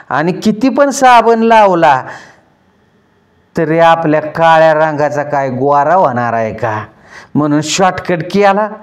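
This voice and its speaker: A man's voice: on the high side, smooth. A man telling a folk story in a wry, self-mocking way, calling out to his listeners.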